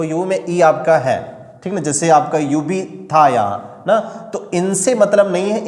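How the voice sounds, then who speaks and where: A man's voice: a little high, darkish tone. A man teaching a spoken English lesson in Hindi with a Hindi accent, explaining step by step and posing questions he answers himself. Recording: echoey room with long reverb.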